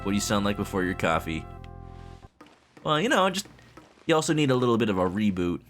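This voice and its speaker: A man's voice: lowish voice, big pitch swings, rapid-fire, soft background music. A man casually commentating a video game livestream in a playful, exclamatory way.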